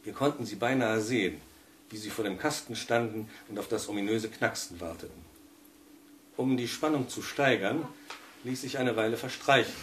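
A man reading a humorous story aloud in a wry, lively way. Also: on the low side, moderate pace, a little hiss or hum. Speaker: narrator.

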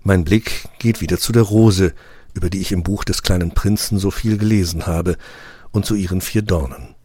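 A man reading a story aloud in a calm, even narrating manner. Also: low voice, moderate pace, husky, no echo, clean studio sound. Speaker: audiobook reader. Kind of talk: scripted narration.

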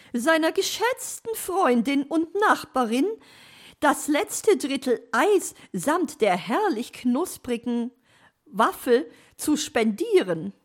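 A bossy, talkative magpie lady, as a woman reading aloud puts her on. Her voice sits high and loud and swoops widely as she teases and lectures at an unhurried pace. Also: full character voice. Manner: shrill, talkative, teasing. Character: chatty bossy female magpie neighbor.

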